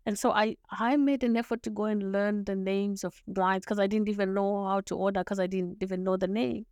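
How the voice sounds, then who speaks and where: A Zimbabwean woman, a native Shona speaker and lawyer, tells her story as a podcast guest, earnest and thoughtful, often restarting and laughing softly. Her medium-pitched voice is steady, smooth, darkish and fairly quick. The recording is dry, with clean studio sound.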